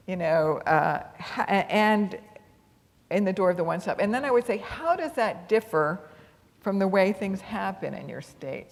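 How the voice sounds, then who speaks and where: Lowish-voiced woman moderating in an echoing hall. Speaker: panel moderator. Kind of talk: unscripted moderating to an audience. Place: large conference hall. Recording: reverberant hall PA sound.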